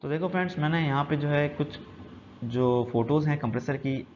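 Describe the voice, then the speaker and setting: A man teaching a technical lesson from slides, explaining slowly and repeating key points, switching between Hindi and English terms. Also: fairly high pitch, a little mellow. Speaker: HVAC instructor. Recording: dull lo-fi sound with faint noise.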